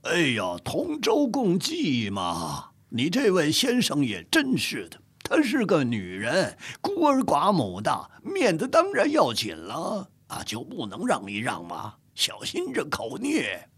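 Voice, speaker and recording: A man voicing an educated older man who lectures others slowly on manners. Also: on the high side, wildly swooping pitch, fairly bright tone, breathy edge, pitched above the performer's own voice, heavily acted. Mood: admonishing. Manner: lecturing, drawn-out. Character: learned older man, preachy and moralizing.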